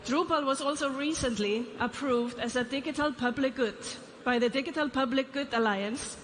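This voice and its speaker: Speaking with an Icelandic accent, this CEO gives a keynote on a large conference stage in a high-pitched, fairly bright voice, with slight background noise. She quizzes the audience and adds light asides, her words echoing through a reverberant hall with faint ambience.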